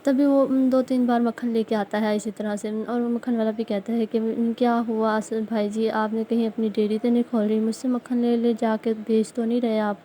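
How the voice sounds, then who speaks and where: A woman's voice: fairly high pitch, flat delivery, few pauses, mellow, slight background noise. A woman storyteller narrating a family moral tale in a plain, simple way. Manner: plain, simple retelling with restarts.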